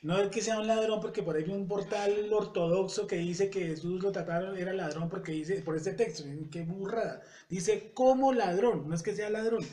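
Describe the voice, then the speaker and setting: A man teaching a Bible study in a conversational way. He often checks in with the audience and reads scripture verses slowly and deliberately. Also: high voice, steady tone, mellow, slight background noise. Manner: conversational, keeps asking "yes or no?" to the audience.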